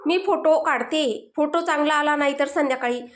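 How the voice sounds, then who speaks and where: A woman's voice: sits high, normal speed, natural voice. Woman doing a playful teasing mother. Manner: bossy, playful. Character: cheerful teasing mother of the groom.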